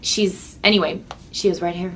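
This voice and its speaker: Chatty woman guest, quick to laugh. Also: fairly low pitch, steady tone, background noise. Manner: chatty, self-interrupting, laughs easily. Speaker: podcast guest. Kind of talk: casual chat.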